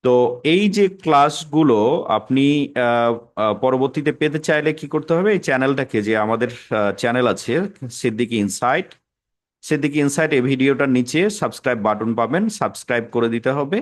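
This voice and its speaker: A man teaching an English pronunciation class, explaining patiently and repeating example words slowly. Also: mid-range voice, animated. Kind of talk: classroom lesson.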